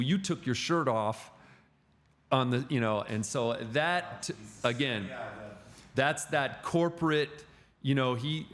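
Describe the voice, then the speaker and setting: Chatty man telling a story. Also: medium pitch. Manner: animated storyteller, frequent restarts. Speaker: gym client and podcast guest. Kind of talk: casual podcast chat, storytelling.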